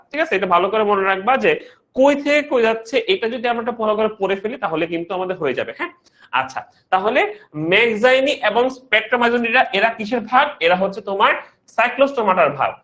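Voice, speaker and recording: A man's voice: high-pitched, fairly bright tone. A young man with a Bangladeshi Bengali accent teaching an online biology class. He repeats his points, asks rhetorical questions and talks straight to his students. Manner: addresses students directly, mixing English terms into Bengali.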